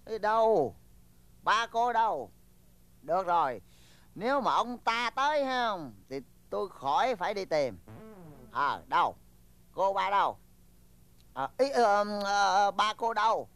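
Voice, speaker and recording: An older man with a Southern Vietnamese accent playing a boastful, stubborn village father in a comedy film, exclaiming loudly. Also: high voice, measured pace, long pauses, clean tone, full character voice. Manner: blustery, exclaims loudly, lively swings. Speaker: film actor.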